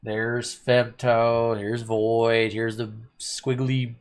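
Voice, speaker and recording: A man's voice: mid-range voice, little pitch movement, very slow. A man hosting a casual anime review chat, rambling and opinionated with a sarcastic edge. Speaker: host of an anime review channel.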